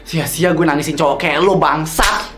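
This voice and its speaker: A man voicing a spoiled, sharp-tongued rich teenage girl who talks in brash slang. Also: brisk, echoey room, soft background music, lightly acted. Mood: furious. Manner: brash slangy, flares into shrill anger.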